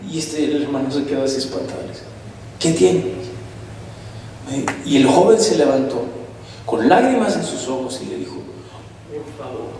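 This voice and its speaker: A man's voice: medium pitch, expressive, quick pace, warm tone, slight background noise. A pastor preaching a sermon in a church hall. He tells stories and calls on the congregation to respond. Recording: echoey hall, far from mic.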